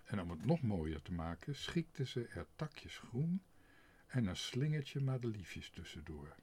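A man narrating a children's storybook aloud in an expressive, unhurried way. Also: fairly low pitch, slightly rough. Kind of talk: storybook reading.

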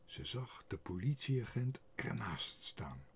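A man reading a children's book aloud, expressive and sometimes dropping to a whisper. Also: on the low side, slow pace, a little hiss or hum. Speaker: narrator.

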